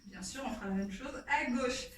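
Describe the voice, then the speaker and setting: A woman's voice: a little high, normal speed, a bit bright, far from the mic, slight background noise. A woman teaching a belly dance routine, calling out counts and moves as she demonstrates. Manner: calls out counts and moves rhythmically. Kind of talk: dance lesson with counting and cues. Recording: echoey room, voice from off-mic, faint ambience.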